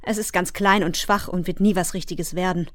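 A woman reading aloud and voicing a practical farm mother who speaks briskly and matter-of-factly. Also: on the low side, fairly even intonation, no room sound, studio quality, lightly acted. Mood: firm.

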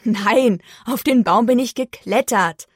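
A woman's voice: fairly high pitch, slow, no echo, studio quality. A woman voicing a cheerful, curious cow mother in a storybook, eager and gushing.

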